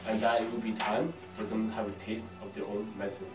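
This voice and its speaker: A man's voice: on the low side, flat delivery, fast talker, lightly acted. Young man playing vengeful mob heir Hamlet. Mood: brooding. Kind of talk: amateur crime drama acting. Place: indoor house room. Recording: echoey room, distant mic, loud music. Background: loud music.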